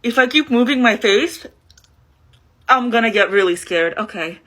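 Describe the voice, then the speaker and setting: A woman makeup vlogger chatting casually and playfully, with excited exclamations. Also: fairly high pitch, normal speed. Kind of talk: casual chat.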